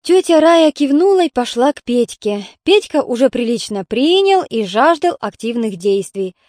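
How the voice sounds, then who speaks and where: A woman narrating an audiobook in a steady storytelling manner. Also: a little high, moderate pace, dry recording, studio quality.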